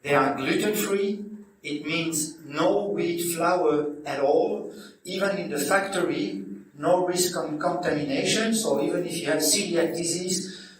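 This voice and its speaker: A man from Belgium with a French accent, a nutrition coach giving a friendly, halting talk to a club audience. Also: on the high side, slight background noise. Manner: friendly, hesitant, with many fillers. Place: hotel function room. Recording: echoey room, distant mic.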